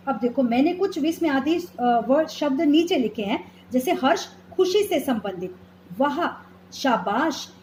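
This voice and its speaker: A woman schoolteacher speaks in a high voice that rises and falls a lot. She is patient and takes her time over examples. The room echoes, with a faint hiss behind her. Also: darkish tone. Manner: patient, explains slowly with examples, calls students "beta". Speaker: school teacher. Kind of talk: classroom grammar lesson.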